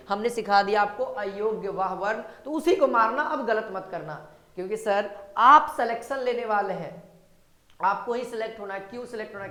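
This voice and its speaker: A woman's voice: mid-range voice, a bit bright. A woman teaching a grammar lesson for exam prep, often repeating her points and calling viewers sir and brother. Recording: echoey room.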